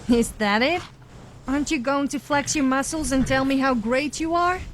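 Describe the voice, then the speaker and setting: Woman playing Sophia, a cocky higher-voiced adventurer. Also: moderate pace, a little hiss or hum, natural voice. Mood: cocky, coaxing. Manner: cocky, sarcastic, teasing. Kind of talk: comedic voice acting for a video game follower.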